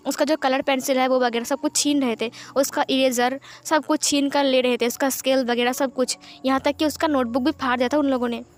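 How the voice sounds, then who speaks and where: A woman casually narrating a fan-fiction story in a chatty, repetitive way. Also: sits high.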